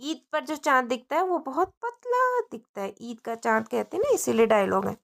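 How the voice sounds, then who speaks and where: Woman teacher, high voice, simple words and bits, keeps asking the kids stuff. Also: sing-song, moderate pace, gravelly. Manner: explains in simple Hindi mixed with English words; friendly, asks the children questions as she goes. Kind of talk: textbook lesson for young children.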